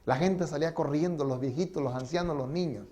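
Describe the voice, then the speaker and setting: Male pastor, sermon storytelling, dramatic, slightly high voice. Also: brisk. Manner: dramatic, shifting between loud and hushed. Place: church.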